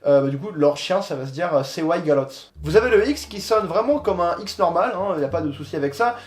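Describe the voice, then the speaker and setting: A young man hosting a casual explainer video in a laid-back, slangy way, with many filler pauses. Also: a little high, expressive. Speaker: host of a micronation channel. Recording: echoey room with faint background music.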